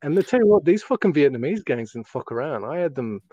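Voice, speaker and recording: A man's voice: on the high side, big pitch swings, fast talker, dark tone, husky, no echo, highs cut off. A middle-aged man with a broad Australian accent, telling rambling stories in casual, sweary, slang-filled chat.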